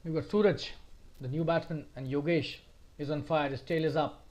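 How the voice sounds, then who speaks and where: A man giving live cricket commentary, excitable and shouting at the big moments. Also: a little high, normal speed, dull audio.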